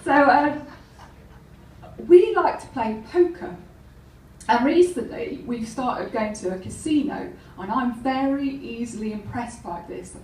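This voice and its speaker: A woman's voice: on the high side, unhurried, darkish tone, a little hiss or hum. A woman telling wry, rambling anecdotes in a stand-up comedy set, laughing at her own jokes. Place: live comedy venue. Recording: roomy, distant mic with faint ambience.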